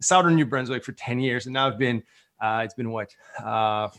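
A man's voice: medium pitch, normal speed, a bit bright. A middle-aged man from eastern Canada, a native French speaker with a light French-influenced Canadian accent, chatting informally as an interview guest. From eastern Canada, French-speaking island off Newfoundland. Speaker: entrepreneur, coaching company founder, guest. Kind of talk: casual interview chat.

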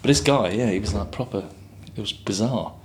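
A man in his fifties with a fairly low voice. He talks as a guest in a loose, casual way, wandering through stories and swearing freely. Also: a little fast, a little hiss or hum. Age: 50s. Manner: rambling storyteller, swears freely. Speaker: guest artist. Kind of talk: casual chat.

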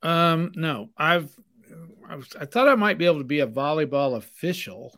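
A retired man in his sixties co-hosting a casual sports chat. He tells stories in a relaxed, easily amused way. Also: fairly high pitch, moderate pace. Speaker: co-host.

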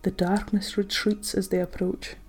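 A woman narrating a guided meditation in the manner of a sleep story, gentle, soothing and unhurried, with soft breathy phrase endings. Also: mid-range voice, little pitch movement. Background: music.

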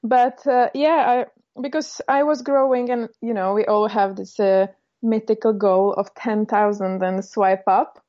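A native Czech woman with a Czech accent is a guest on a casual podcast interview, speaking thoughtfully and hesitantly with many fillers. Her medium-pitched voice is steady and dark-toned at a measured pace. The sound is lo-fi.

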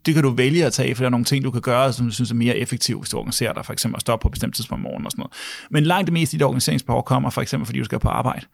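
A man with a gravelly, creaky voice hosts a casual podcast discussion and reasons his way through ideas out loud. He often repeats words as he searches for a phrase and ends his points with a quick questioning "right?". The recording is close and dry. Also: mid-range voice, no room sound. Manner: thinks aloud, repeats words, tags lines with a questioning 'right?'. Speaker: podcast host.

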